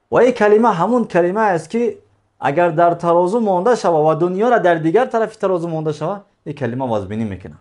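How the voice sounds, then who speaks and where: A man's voice: on the high side, darkish tone. A man teaching a religious lesson, explaining step by step, repeating key phrases and answering his own questions.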